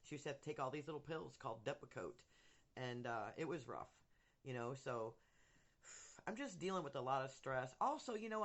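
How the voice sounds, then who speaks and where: A man's voice: mid-range voice, fairly bright tone. A middle-aged man with lispy, slushy speech from missing teeth, rambling candidly and openly in a casual personal vlog. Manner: candid, rambling, emotionally open. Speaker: content creator updating followers.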